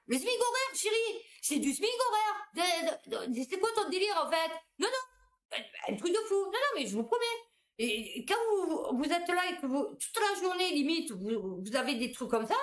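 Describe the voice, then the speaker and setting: A woman, a supermarket cashier, telling anecdotes in a casual, animated monologue. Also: high voice.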